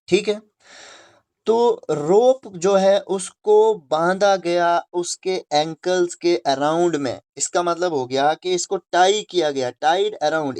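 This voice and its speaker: Slow-paced male grammar teacher. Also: sits high, a little mellow, smooth. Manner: repetitive, checks with listeners, spells words letter by letter. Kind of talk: classroom lesson on pronunciation.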